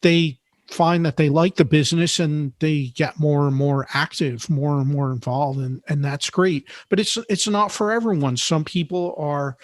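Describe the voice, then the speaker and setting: A man speaks as a podcast guest, his voice sitting a little high. He explains things in a measured, patient way, repeating words as he gathers his thoughts. The sound is dry and close. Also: fairly even intonation, no echo. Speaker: podcast guest, note investor. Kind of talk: interview conversation.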